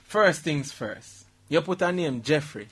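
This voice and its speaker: A bright, forceful Jamaican man in his middle years, hosting a casual talk show. He reads out headlines in a slightly high voice, then drops into Patois to joke about them. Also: animated, measured pace, slight background noise. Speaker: radio show host reading news stories. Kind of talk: casual comedic news banter.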